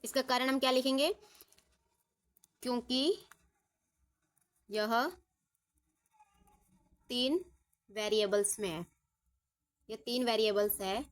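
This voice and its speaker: Speaking slowly with frequent pauses, this woman teaches maths in a voice on the high side with fairly even intonation. She patiently solves problems step by step, asking her own questions and answering them, with many a "ठीक है" along the way.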